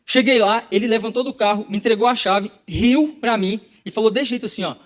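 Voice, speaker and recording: A man with a Brazilian Portuguese accent preaching a sermon, telling a personal story in an animated way and acting out the dialogue. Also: high voice, fairly quick. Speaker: pastor.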